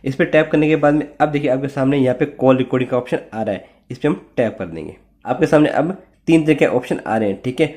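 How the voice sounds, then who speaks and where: This tech tutorial host, a man with an Indian accent, talks fast in a mid-range, darkish voice. He keeps things informal, repeating himself as he explains each step and regularly dropping in check-in tags.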